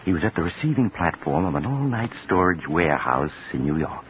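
A man's voice: sits low, big pitch swings, brisk. A man narrating a scripted suspense story as an old radio drama narrator. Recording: muffled old radio recording, faint hiss.

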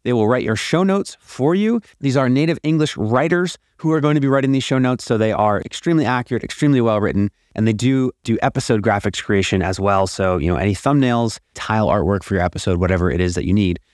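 A man's voice: on the low side, fast, hardly any pauses, darkish tone, no room sound. A man hosting a podcast from an attic, delivering an emphatic, promotional scripted monologue about offers. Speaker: podcast host. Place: attic of a house. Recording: dry, produced podcast audio recorded in an attic.

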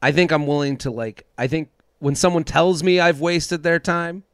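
A man's voice: fairly high pitch, fairly even intonation, normal speed, clear, resonant tone, no echo, clean studio sound. A man talking candidly as a guest, rambling and self-deprecating with frequent restarts. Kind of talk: candid conversation.

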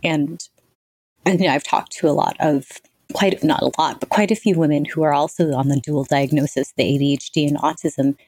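A woman in her forties, appearing as a podcast guest, answers interview questions conversationally about her own experience. Her voice is low and husky and a little fast, and she's reflective and articulate, describing her voice as monotonous herself. The recording is dry.

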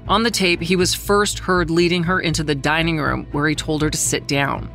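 A middle-aged journalist narrating a true-crime story in a measured, somber way, slowing down on the grave details. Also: mid-range voice, bright, forceful tone. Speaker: journalist who covered the trial, narrating.

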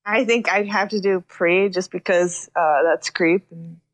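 A woman's voice: on the low side, measured pace. Laughing, casual woman singer chatting. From Chicago area. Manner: lively, laughs often, uses many fillers. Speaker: singer-songwriter guest. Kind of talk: casual interview chat.

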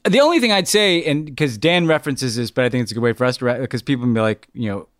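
Guy hosting a podcast, chatty and halting, repeats himself while thinking, dry sound no room. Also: medium pitch, expressive, no room sound. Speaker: podcast host. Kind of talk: casual conversation and interviewing.

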